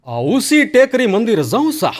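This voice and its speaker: A man's voice: wildly swooping pitch, moderate pace, heavily acted. A man putting on a shrieking entranced woman. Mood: pleading. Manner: shrill, shouting, commanding. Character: middle-aged devotee woman in a frenzied trance.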